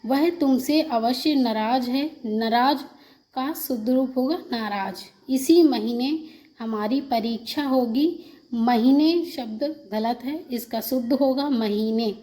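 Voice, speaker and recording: A woman's voice: on the high side, slow pace, mellow. A woman teaching a Hindi spelling lesson for an exam, reading example sentences and then repeating each word in its correct form.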